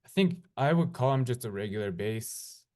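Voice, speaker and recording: A man's voice: medium pitch, moderate pace. A man hosting an interview, chatting casually with plenty of uh fillers. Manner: relaxed, with frequent uh fillers. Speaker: host.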